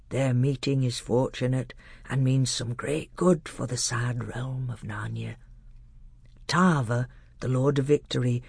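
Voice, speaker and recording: Solemn old tutor in a deep hushed whisper, breathy and close-miked, voiced by a male reader. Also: no echo.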